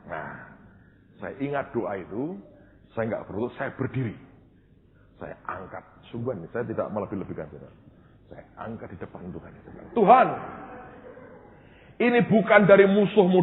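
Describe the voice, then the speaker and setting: A male pastor preaching a storytelling sermon, acting out dialogue and swinging from loud to hushed. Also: lowish voice. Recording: tinny phone-like sound, long hall reverb.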